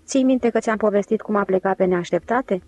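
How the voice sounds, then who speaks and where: A woman's voice: mid-range voice, dark tone, close to an everyday voice. A woman voicing a sweet, teasing young woman in an audiobook, lifting her voice for the part. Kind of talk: audiobook character reading.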